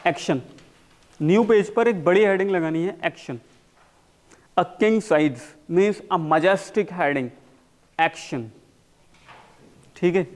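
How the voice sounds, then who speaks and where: A man teaching a spoken English class, mixing Hindi and English and slowly repeating words for his students to copy. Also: high voice. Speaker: English communication coach.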